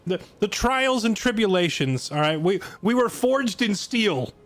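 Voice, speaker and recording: A man's voice: sits high, animated, unhurried, fairly bright tone. A tired man chatting casually on his live stream, sarcastic and self-deprecating.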